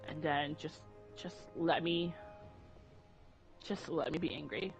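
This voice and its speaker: A woman with a low-pitched voice speaks slowly as co-host of a casual conversation, candid and rambling, often starting over. The lo-fi recording sounds dull, with faint music underneath.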